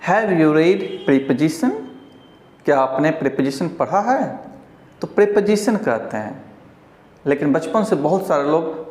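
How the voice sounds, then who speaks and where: A man with a Bihari Hindi accent teaching English pronunciation, explaining slowly and repeating each word for learners. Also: on the high side, a little mellow. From India. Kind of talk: pronunciation lesson. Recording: echoey room.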